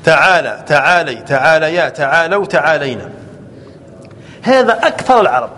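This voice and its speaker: A man teaching an Arabic grammar class, slowly drawing out example words and often checking that the students follow. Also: a little high, animated, pushed and bright. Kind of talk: classroom lesson. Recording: echoey hall with faint ambient noise.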